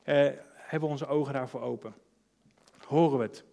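A man in his thirties preaching a sermon, earnest, moving between hushed, intimate passages and emphatic urging. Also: medium pitch, fairly quick, creaky. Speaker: pastor.

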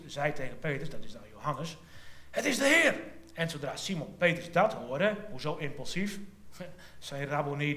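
A man preaching a sermon with a slightly high voice, telling the story warmly and dipping into a near-hush before lifting again. The sound is roomy and echoey, as if in a hall. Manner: storytelling, drops to a hush then lifts for quoted lines. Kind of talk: sermon retelling a Bible passage.

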